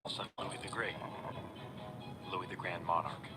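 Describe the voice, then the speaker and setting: Deep-voiced man narrating over loud music. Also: fairly even intonation, measured pace. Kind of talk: scripted documentary narration.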